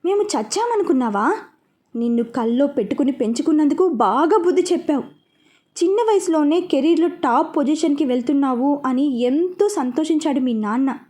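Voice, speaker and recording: A woman's voice: high-pitched, expressive, moderate pace, mellow. Lady playing a hurt mom scolding her daughter, teary. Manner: scolding, tearful. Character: middle-aged mother, hurt and scolding.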